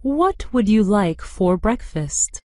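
A woman announcing each lesson phrase in a deliberate, scripted narration. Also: medium pitch, sing-song, dark tone, dry recording, studio quality.

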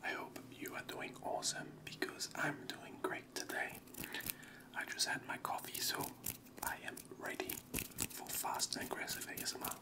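Whispering young man doing fast aggressive ASMR. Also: rough recording. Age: young adult. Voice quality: whispered, unvoiced. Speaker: ASMR video host. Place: small indoor room at home. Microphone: small earphone mic held close to the mouth.

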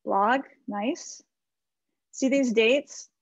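Her voice is on the high side and extremely slow. A middle-aged American woman and website marketing consultant, she presents a webinar over a video call, giving informal, encouraging website critique and advice while thinking aloud conversationally. She uses a computer mic in a small indoor room with bookshelves; there's no echo, though the video-call audio is slightly dull.

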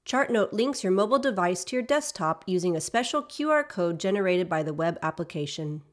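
A woman reading scripted instructional narration for an app demo in a measured, clearly instructional way. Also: on the low side, animated. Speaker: software tutorial narrator.

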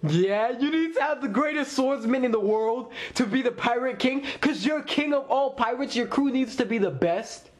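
High-voiced, excitable man reacting live. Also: moderate pace, hardly any pauses. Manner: excitable, rambling with many fillers. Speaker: anime reaction host. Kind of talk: casual live reaction commentary. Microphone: wearing earphones while recording.

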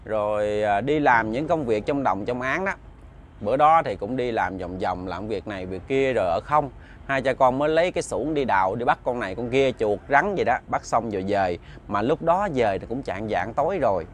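A man's voice: medium pitch, lively intonation, normal speed, slight background noise. A man with a Southern Vietnamese accent telling a ghost story in a chatty, casual way, speaking directly to his listeners.

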